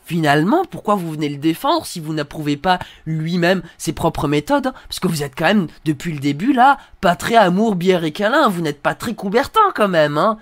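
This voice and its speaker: A young man, a video creator, reacts to hateful comments with mocking irony, reading them aloud in put-on voices. His high voice is sing-song and a bit bright, at normal speed with few pauses, in a dry, close-miked room with no room sound.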